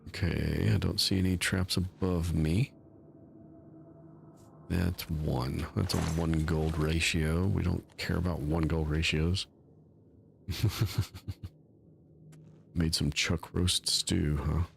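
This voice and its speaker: Deep gravelly male game streamer. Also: level tone, slow pace, slight background noise. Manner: rambling, self-mocking, talks to chat. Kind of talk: casual live-stream commentary.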